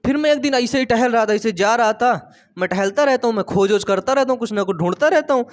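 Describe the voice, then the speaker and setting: Man, biology teacher, playful storytelling lecture, quizzes students, high voice. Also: lively intonation, fast. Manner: playful, asks students questions and repeats key terms.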